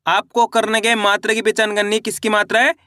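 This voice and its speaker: A man with a high, bright voice gives a patient beginner lesson. He keeps asking questions and answering them himself, repeating each point. The sound is close and dry, with no room echo. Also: level tone, a little fast. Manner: repetitive, asks and answers own questions. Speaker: Hindi teacher. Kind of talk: online lesson.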